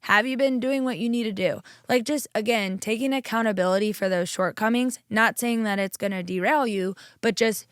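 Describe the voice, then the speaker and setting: A woman's voice: on the high side, brisk, hardly any pauses, clean tone, no echo, studio quality. A young woman chatting casually as a podcast guest, upbeat and full of fillers. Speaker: chiropractor and guest.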